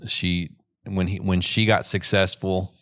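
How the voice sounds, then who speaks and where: A man's voice: low voice, little pitch movement, a little slow, fairly bright tone, no echo, clean studio sound. An older man co-hosting a film podcast, musing in a thoughtful, rambling way with frequent restarts. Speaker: podcast co-host, the dad. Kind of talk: casual film discussion.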